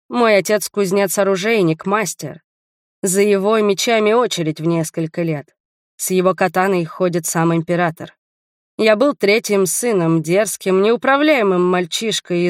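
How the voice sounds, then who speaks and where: A woman's voice: fairly low pitch, dry recording, clean studio sound, lightly acted. A woman reading as a grave young swordsman.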